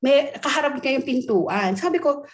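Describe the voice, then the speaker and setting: A woman telling a ghost story in casual conversation, animated and acting out quoted dialogue. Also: sits high, normal speed.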